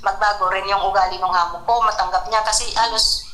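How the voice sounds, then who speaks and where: A woman's voice: mid-range voice, steady tone, a little fast, bright, forceful tone, reverberant. A woman working abroad who calls in for help and talks deferentially, ending nearly every phrase with a polite address. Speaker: overseas worker seeking help. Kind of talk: call-in interview.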